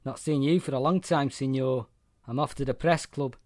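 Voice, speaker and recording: A man voicing a drunken middle-aged man whose Welsh voice has softened to near Mancunian, slurred and boisterous, in a read-aloud short story. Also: mid-range voice, normal speed, dry recording, clean studio sound, natural voice. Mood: boozy jovial.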